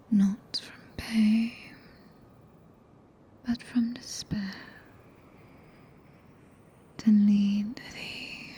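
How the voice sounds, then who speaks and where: A woman acts out a solemn, tender witch mistress with a British accent. She whispers in archaic phrases, extremely slowly and intimately, with a soft, dark tone. It is an ASMR roleplay captured close on a binaural mic, over faint ambient noise. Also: medium pitch. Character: tender, possessive four-handed witch, solemn and regal mistress. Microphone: close binaural ASMR microphone.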